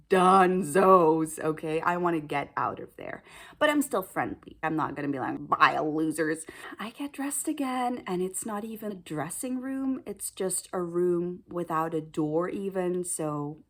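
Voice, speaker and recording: A woman telling a personal story in a casual vlog style, with a breathy, husky voice, dramatic emphasis and acted-out quotes. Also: on the low side. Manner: animated, acts out quotes and reactions. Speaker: storyteller recounting an audition.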